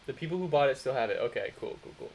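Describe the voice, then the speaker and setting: Animated young man streaming a game. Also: mid-range voice, quick pace. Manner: excitable, joking, shouts out viewers. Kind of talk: casual live-stream gaming chat. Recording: faint background noise.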